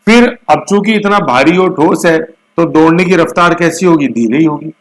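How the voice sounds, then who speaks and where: A man's voice: on the high side, moderate pace, rough recording. A middle-aged man, teaching current affairs for exam prep in a chatty way, checking in often with his students. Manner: chatty, repeats checks like "theek hai na".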